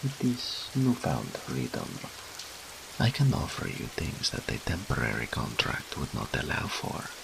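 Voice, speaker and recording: An ancient, seductive incubus demon teases and boasts with pompous, theatrical arrogance, slowly and confidently bargaining with the listener in an intimate audio roleplay. His extremely deep, heavily gravelly voice swings hugely in pitch, heavily acted over background noise.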